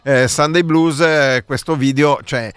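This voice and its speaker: Smooth, higher-voiced male radio host. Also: fairly even intonation, measured pace, fairly bright tone, no room sound. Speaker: radio host taking calls. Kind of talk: casual live radio chat. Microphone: close studio microphone.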